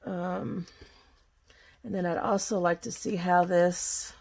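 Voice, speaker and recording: A woman's voice: fairly low pitch, level tone, slow, gravelly, a little mellow. Folksy Southern woman chatting while crafting. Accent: Southern US, Kentucky. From Kentucky, USA. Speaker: craft vlogger. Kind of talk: casual crafting tutorial chat. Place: at home craft table.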